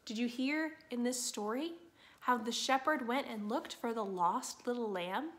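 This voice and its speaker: A woman's voice: a little high, measured pace. Woman pastor telling a children's sermon. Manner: animated, expressive storytelling for children.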